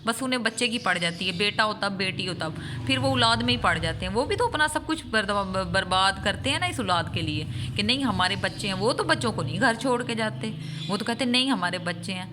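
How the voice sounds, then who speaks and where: A woman's voice: mid-range voice, animated, noisy background. A mother talking earnestly to her vlog audience, stressing her points with long runs of repeated phrases. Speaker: vlogger and mother. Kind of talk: heartfelt vlog monologue.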